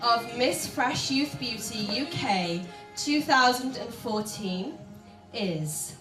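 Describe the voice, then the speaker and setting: A woman's voice: on the high side, animated, takes it slowly. A woman making formal stage announcements as a pageant announcer in a hall. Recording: echoey hall, far off, loud music.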